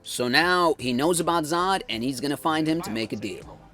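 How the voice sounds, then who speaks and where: A man's voice: on the high side, lively intonation, moderate pace, bright, forceful tone. A man narrating a comedic movie recap, full of sarcastic, jokey asides, over background music. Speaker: movie reviewer.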